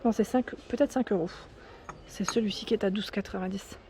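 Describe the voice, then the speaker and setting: A woman's voice: medium pitch, a little fast, mellow, a little hiss or hum. A woman with a French accent chatting enthusiastically as she walks through a store and reads out prices and sizes. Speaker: shopping vlogger. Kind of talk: casual store walkthrough. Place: large home improvement store, indoors.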